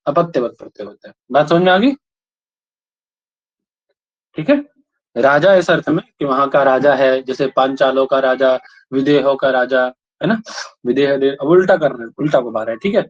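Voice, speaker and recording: Male teacher, slightly high voice, drills students with repeated questions, dull lo-fi recording. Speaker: Sanskrit grammar teacher. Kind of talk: classroom lesson, questioning students. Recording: dull lo-fi sound.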